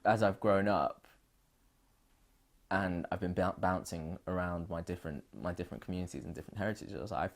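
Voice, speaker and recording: A British man with a very deep, low voice, being interviewed for an oral history. He talks in an earnest, reflective way. He often pauses and restarts his sentences as he thinks aloud. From United Kingdom.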